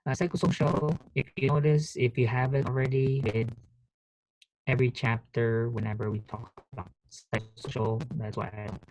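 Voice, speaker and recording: A man giving an online nursing lecture through a headset mic on a video call, speaking haltingly with many fillers and restarts. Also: medium pitch, steady tone, noisy background. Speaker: nursing professor. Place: office.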